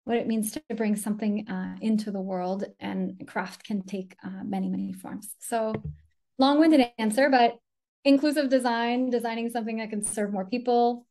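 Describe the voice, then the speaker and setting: A woman born in Colombia and raised in the US speaks from a room at home, thoughtfully describing her work as an inclusive design consultant in a video call interview. Her voice is fairly high, steady and mellow, at a moderate pace, picked up by a laptop mic.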